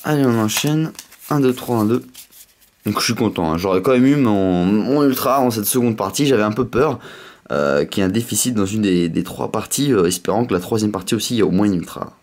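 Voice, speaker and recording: A man with a slight lisp hosting a casual unboxing, chatting in an excitable way. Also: lowish voice, fairly quick. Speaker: host of a card pack opening video.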